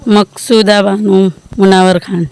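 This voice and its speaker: A woman's voice: mid-range voice, little pitch movement, slow, darkish tone, clean tone. A village woman speaking outdoors into a reporter's handheld mic, agitated and repeating phrases. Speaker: village resident interviewed. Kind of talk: street interview.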